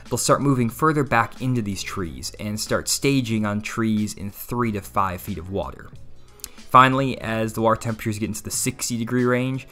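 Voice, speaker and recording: Low-voiced man explaining fishing spots. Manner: explanatory, steady walkthrough. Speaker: fishing channel host. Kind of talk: instructional voice-over narration.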